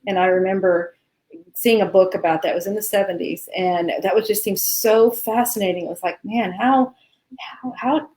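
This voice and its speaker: A woman in her sixties co-hosting a live Q&A, talking in a relaxed, rambling way. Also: medium pitch, normal speed. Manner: relaxed, rambling, gentle laughs. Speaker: co-host. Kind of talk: casual conversation on a live Q&A.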